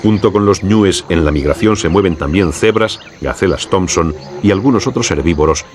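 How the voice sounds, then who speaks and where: A man with a low, deep voice and a Castilian Spanish accent narrates a nature documentary. His delivery is measured and formal, like scripted storytelling. Crickets and animal ambience sound clearly behind him. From Spain. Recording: clear background noise with insect ambience.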